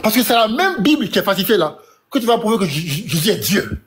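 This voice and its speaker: A man's voice: high voice, sing-song, fast, fairly bright tone. A man challenging others in a heated live debate, insistent, stammering and repeating himself. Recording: faint background noise.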